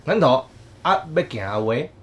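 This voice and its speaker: A man from Kaohsiung with a Taiwanese Mandarin accent, co-hosting a casual chat and telling stories in an animated, joking way. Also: medium pitch, moderate pace, highs cut off, a little hiss or hum. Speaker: podcast co-host.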